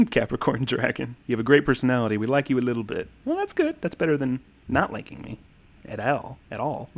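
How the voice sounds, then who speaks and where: Brisk and mid-range, his pitch swoops wildly as this thirty-something streamer chats and reads comments. He's easygoing and rambling, constantly saying um and thanking viewers.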